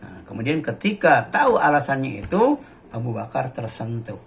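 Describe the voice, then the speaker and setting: A man's voice: medium pitch, very animated, moderate pace, gravelly. A man giving a religious study lecture, reciting Arabic phrases and explaining them with frequent "ya" fillers. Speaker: preacher.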